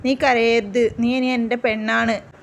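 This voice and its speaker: A woman voicing a tender young man, a gentle professor who speaks softly and reassuringly. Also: fairly high pitch, flat delivery, slow, gravelly, lo-fi sound.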